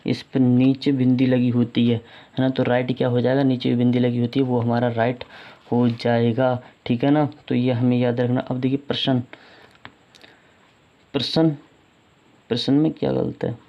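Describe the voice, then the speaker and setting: A man's voice: medium pitch, flat delivery, moderate pace. A man teaching a casual spelling lesson for exam prep, repeating each point and quizzing his viewers. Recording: dull lo-fi sound.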